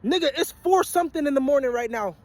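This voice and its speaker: After a long shift at work, this twenty-something vlogger and would-be musician gives his viewers a crude, motivational rant, repeating himself to drive his points home. His extremely high voice is animated and quick, with no echo in the recording.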